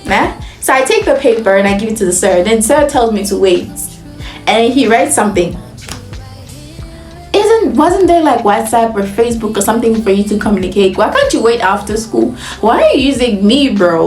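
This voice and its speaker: In an echoey room, a young woman with a fairly high-pitched voice and a Nigerian accent, from Nigeria, tells a chatty, casual vlog story. She laughs often, stays animated and fills her speech heavily with "like".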